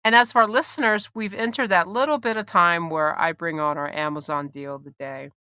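A woman's voice: on the low side, fairly quick, sharp tone, clear, resonant tone, dry recording, studio quality. A woman hosting a podcast in a casual, chatty interview style, with informal asides. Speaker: podcast host. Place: small indoor space. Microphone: headset, small room.

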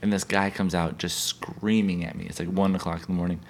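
A man's voice: low-pitched, little pitch movement, fairly quick, slight background noise. A man telling rambling anecdotes in casual podcast talk, acting out the people in them. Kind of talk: casual chat, storytelling.

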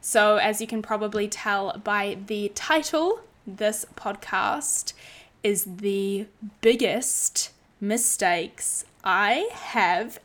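Speaking extremely slowly, this podcast host has a medium-pitched, fairly bright voice. She runs a casual solo show full of swearing and playful theatrics while heavy rain pours behind her.

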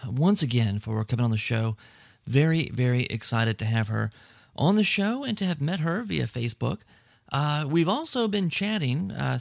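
Gravelly-voiced man hosting a podcast. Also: medium pitch, no echo, studio quality. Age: 40s. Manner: rambling, thankful, many restarts. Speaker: podcast host. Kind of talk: casual podcast chat.

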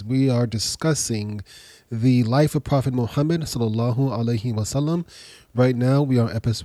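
A man's voice: mid-range voice, dark tone, no echo. A slightly congested, nasal man getting over a cold, hosting a podcast as an informal history lecture, explaining and often rephrasing himself. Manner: explanatory, pausing to rephrase and repeat. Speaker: podcast host.

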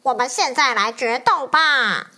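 A woman's voice: high voice, unhurried, bright, forceful tone, heavily acted. A woman voicing a jolly dragon back from vacation, playful and sing-song.

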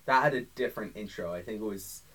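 A man's voice: fairly low pitch, quick pace, a bit bright. Rambling young man chatting. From Ireland. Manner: rambling, full of restarts and tangents. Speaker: podcast co-host. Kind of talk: casual chat.

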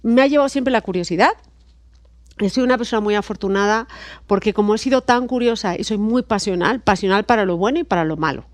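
A woman's voice: medium pitch, fast talker, no echo. A middle-aged woman from Spain with a Spanish accent, a guest psychologist telling stories expressively in casual podcast chat. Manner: lively, expressive storyteller, laughs often.

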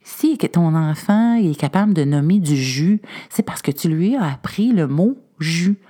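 A woman's voice: on the low side, unhurried. A woman with a Québécois French accent giving parenting advice in casual conversation, acting out short scenes of what a parent might say. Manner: animated, acts out little scenes of what parents can say. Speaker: parenting expert guest.

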